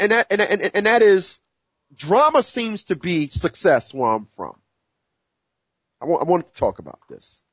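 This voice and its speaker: Speaking to his listeners alone, a US talk show host in his forties has a fairly high, slightly bright voice with a breathy edge. His earnest delivery is full of fillers and restarts, captured in dull audio without echo.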